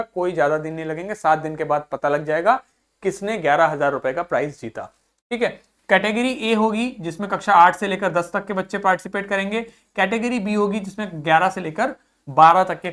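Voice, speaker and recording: A young man teaching a video lesson to school students in a friendly way, drilling pronunciation slowly and repeating each word several times. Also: high-pitched, a bit bright. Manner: friendly, addresses students as children.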